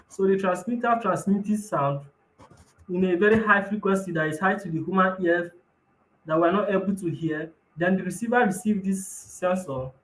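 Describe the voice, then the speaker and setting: A man on a bad video-call connection that keeps cutting out, explaining his invention in an apologetic, halting way. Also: high-pitched, fairly bright tone. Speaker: guest presenting an invention. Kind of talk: show-and-tell explanation on a call. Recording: echoey, choppy call audio.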